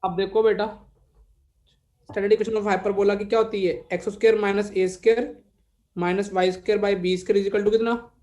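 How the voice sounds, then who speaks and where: A man's voice: sits high, flat delivery, dark tone. A man teaching maths in a live class, mixing Hindi and English with an Indian accent, dictating notes and quizzing his students. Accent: Indian English mixed with Hindi. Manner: dictates slowly, quizzes students, calls them beta. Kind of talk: live online class lecture.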